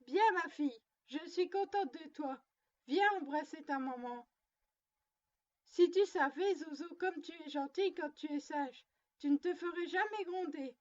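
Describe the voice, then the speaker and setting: A high-voiced little girl lectures her doll like a strict, prim mother, taking her time over each reproach, as a woman puts her on. It is a storybook reading with slightly muffled, lo-fi sound. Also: measured pace. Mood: tender.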